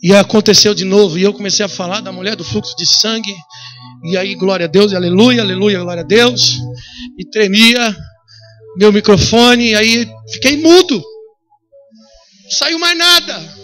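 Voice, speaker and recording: A man's voice: high voice, normal speed, a bit bright, soft background music. A man preaching a sermon, telling his own story with emotion and calling the listeners brother. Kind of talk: sermon with personal testimony.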